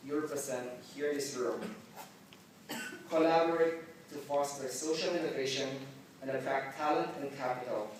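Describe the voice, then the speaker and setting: A man raised in the Philippines delivers a measured, formal welcome speech at a mid pitch. His voice reaches the mic from a distance and rings out through a very echoey hall. A faint hum of room sound sits behind him. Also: steady tone. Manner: measured, deliberate delivery with occasional slips. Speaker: forum organizer giving welcome remarks. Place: large conference hall.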